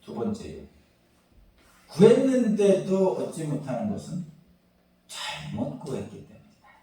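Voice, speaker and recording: Man preaching in an echoey church. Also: mid-range voice. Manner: swings between soft asides and loud emphatic peaks. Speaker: pastor. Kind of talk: sermon. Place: church sanctuary. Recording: roomy echo, from far off the mic.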